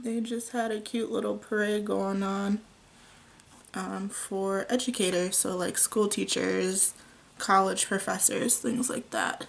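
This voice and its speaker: Slow-talking woman in a chatty makeup tutorial. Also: medium pitch, fairly even intonation, gravelly. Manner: chatty and unhurried, with frequent ums. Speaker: beauty vlogger. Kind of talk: casual makeup tutorial chat. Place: at home.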